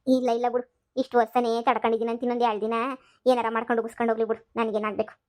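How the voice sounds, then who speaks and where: A woman voicing a bitter, sharp-tongued middle-aged village wife in a cartoon comedy, scolding and dismissive. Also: on the high side, level tone, racing, lightly acted.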